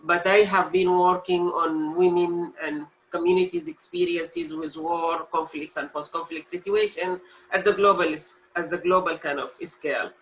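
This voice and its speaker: A woman's voice: on the low side, fairly even intonation, normal speed, slight background noise, rough recording. A woman scholar from Sudan explaining her research on women's experiences of war, in a careful, explanatory way.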